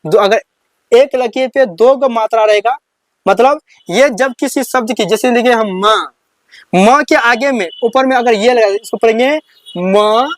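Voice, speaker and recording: Speaking in a high voice, this male Hindi teacher explains the alphabet slowly, as if in a classroom. He poses "what will we read?" and supplies the answer himself, echoing questions back to students and counting at a slow pace. The sound is close-miked and fully dry, without any room echo.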